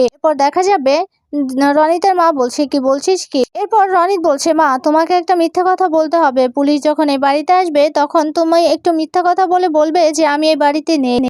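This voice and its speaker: A woman with a high voice retells a TV serial episode scene by scene, reading every character's lines in her own plain voice. She pauses now and then on fillers. The recording is dry and close. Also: a little mellow, no echo. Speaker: serial synopsis narrator.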